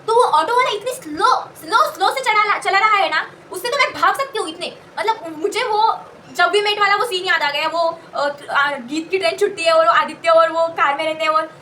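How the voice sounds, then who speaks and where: A woman's voice: extremely high pitch, moderate pace, few pauses, bright, forceful tone, distant mic, a little hiss or hum. A young woman telling a casual story, rambling and correcting herself as she goes. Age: young adult. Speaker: college student telling a story.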